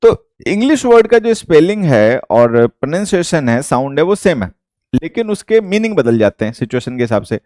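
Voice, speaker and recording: An English teacher from India with an Indian accent, explaining a lesson slowly and repeating each point. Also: male voice, a little high, very animated, darkish tone, no echo, clean studio sound.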